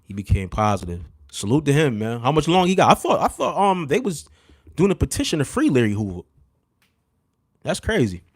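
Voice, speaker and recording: A man in his thirties or forties hosting a livestream, telling stories in an animated, streetwise way, filling his talk with "you know what I'm saying" asides and dropping to a hushed voice at tense moments. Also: brisk, slightly rough, dry recording, studio quality. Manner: drops to a hushed, low voice when retelling tense moments. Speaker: livestream host. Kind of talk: casual storytelling to a live chat.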